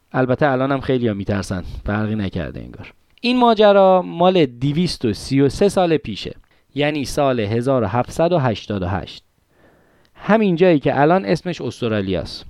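A man's voice: fairly high pitch, darkish tone, clear, resonant tone, no room sound, clean studio sound. A man hosting a podcast, narrating a history story in a dramatic, conversational way, with asides to his listeners. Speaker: podcast host.

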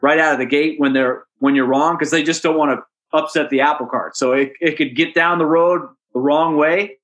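A man's voice: on the high side, steady tone, moderate pace, a bit bright. Chatty man telling a story. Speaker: guest, hockey radio broadcaster. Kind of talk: casual podcast interview storytelling.

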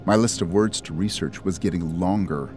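A young man with a fairly low voice tells a first-person story with a measured, introspective delivery. Clear music plays behind him throughout. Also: a little mellow.

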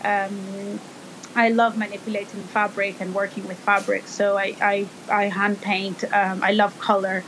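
A woman's voice: mid-range voice, flat delivery, measured pace, a bit bright, slight background noise, low-quality recording. A woman from El Salvador in her thirties, a fashion designer guest speaking in a thoughtful, hesitant way with many fillers. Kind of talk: casual interview talk.

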